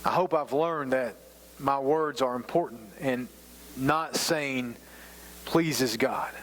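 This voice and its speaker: A man's voice: medium pitch, slow, fairly bright tone, a little hiss or hum, poor audio. A man in his forties preaching a sermon as a pastor, talking in a conversational, self-deprecating way with rambling asides. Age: 40s.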